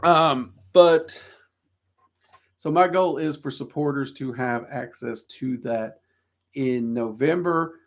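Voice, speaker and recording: This Southern US man speaks slowly in a mid-range voice with vocal fry. Hosting a relaxed livestream, he wanders through viewers' questions, poking fun at himself and filling gaps with ums.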